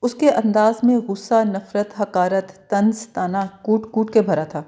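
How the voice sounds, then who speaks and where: A woman's voice: medium pitch, fairly even intonation, mellow. A woman reading a novel aloud as an audiobook narrator, telling the story expressively and voicing the characters' lines.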